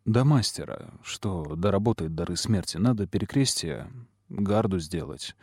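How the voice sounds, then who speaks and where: A man's voice: deep voice, animated, moderate pace, darkish tone, breathy edge, no room sound, clean studio sound, full character voice. A man voicing a brash young nobleman speaking in an offhand, musing way. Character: brash young nobleman, practical big brother.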